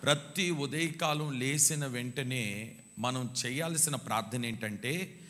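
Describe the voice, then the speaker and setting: A male pastor preaches to his congregation in a hall with a long, ringing reverb. His voice sits at an ordinary middle pitch. He repeats phrases for emphasis and presses the crowd to call back louder. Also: a little slow, slight background noise. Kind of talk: sermon. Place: church hall.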